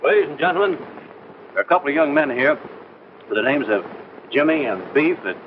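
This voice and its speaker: A genial male showman makes jocular, slightly halting announcements in an old film. His voice is very animated and a bit high, under heavy noise. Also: vocal fry. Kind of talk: old film drama acting. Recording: noisy, dull old film soundtrack, crowd behind.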